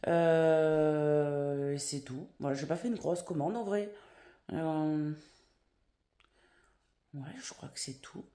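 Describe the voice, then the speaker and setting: A woman's voice: low-pitched, slow, long pauses, mellow. Rambling French vlogger woman, echoey room. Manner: rambling, many fillers and restarts. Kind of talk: casual vlog chat. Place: at home, indoors.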